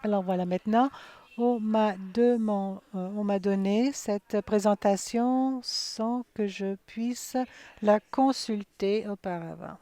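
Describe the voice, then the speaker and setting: A woman giving live interpretation of a conference session, halting, with frequent fillers and self-corrections. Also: medium pitch, dark tone. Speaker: simultaneous interpreter.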